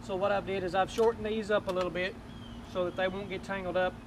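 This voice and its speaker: A man's voice: high-pitched, flat delivery, fast. A middle-aged man hosting his fishing channel, giving a casual, rambling tour of his boat outdoors with lots of ums and uhs. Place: outdoors beside a boat on a lawn. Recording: noisy outdoor camera audio.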